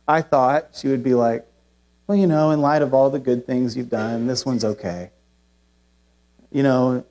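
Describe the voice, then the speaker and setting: A male pastor preaching in a relaxed, conversational way, with a somewhat high voice. He mixes in personal stories and playful self-deprecating asides. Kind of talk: sermon with personal storytelling.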